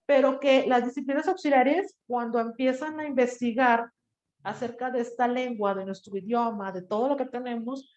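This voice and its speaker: A woman teacher, giving a lively classroom lecture and listing terms with a casual "bla, bla". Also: on the high side, normal speed. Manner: lively, explanatory, lists terms and trails off with "bla, bla". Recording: echoey room, dull lo-fi sound.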